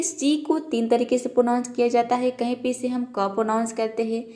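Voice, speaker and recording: Brief: Indian woman, English tutor, slightly high voice, slow patient word drills. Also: darkish tone. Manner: patient, repeats and restates each point. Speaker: English teacher. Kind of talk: classroom-style lesson explanation.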